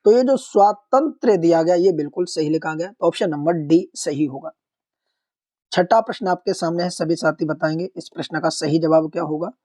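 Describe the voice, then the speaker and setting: High-voiced man teaching exam prep. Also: mellow. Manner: explains step by step, asks questions and answers them; slows down to repeat the correct form. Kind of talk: online exam-prep lecture.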